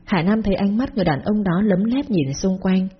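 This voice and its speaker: Husky woman narrating a story. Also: mid-range voice, fairly quick, lo-fi sound. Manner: steady, plain storytelling.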